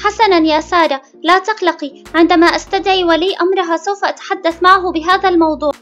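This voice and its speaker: A woman's voice: very high-pitched, fast talker, a bit bright, faint music behind. A woman voicing a strict schoolteacher doll with a bossy, scolding manner. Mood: stern.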